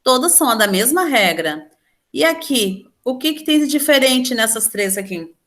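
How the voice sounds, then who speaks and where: A woman's voice: high voice, animated, normal speed, fairly bright tone. Patient Brazilian woman teaching a class. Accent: Brazilian Portuguese. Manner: patient, explaining step by step, asking questions. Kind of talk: online class lesson.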